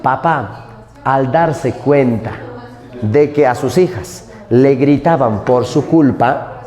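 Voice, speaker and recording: A man's voice: medium pitch, takes it slowly, warm tone, faint music behind. A man teaching a literature class, talking animatedly and constantly checking in with his students. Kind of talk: prep-school lecture. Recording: long hall reverb.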